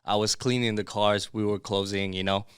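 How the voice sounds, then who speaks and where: This podcast guest was born in Bangladesh and raised in Dubai and Miami, and his interview talk is informal and chatty, full of "bro" and "dude." He speaks at a normal speed in a lowish, flat, smooth voice. It's studio-quality audio with no room sound.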